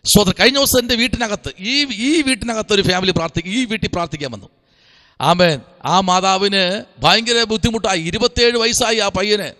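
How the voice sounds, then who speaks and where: A man with a high, bright voice preaches a fervent Pentecostal sermon. He keeps breaking in with "praise the Lord" and "amen" between his sentences. Long hall reverb trails after his words. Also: normal speed. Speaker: pastor.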